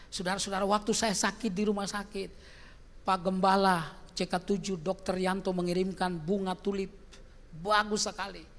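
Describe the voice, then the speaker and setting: An older man preaching as pastor in a large church, shifting from quiet storytelling to loud shouted exclamations. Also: high-pitched. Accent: Indonesian. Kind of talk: sermon. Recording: long church hall reverb.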